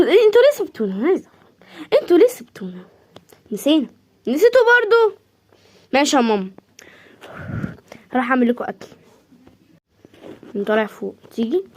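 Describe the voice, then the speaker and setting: A woman with an Egyptian accent acts out a whole homemade drama by herself, jumping quickly from one character's voice to the next. Her voice sits high and keeps a lively, playful pace throughout. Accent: Egyptian Arabic. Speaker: creator playing every part in a homemade series. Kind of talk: homemade role-play drama.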